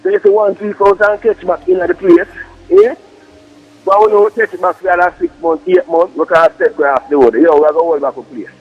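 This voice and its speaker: A man with a high voice and a Jamaican accent talks on a three-way phone call. He is emphatic, repeating himself in slangy patois, and the line is dull and muffled. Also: animated, a little fast, vocal fry, husky, soft background music.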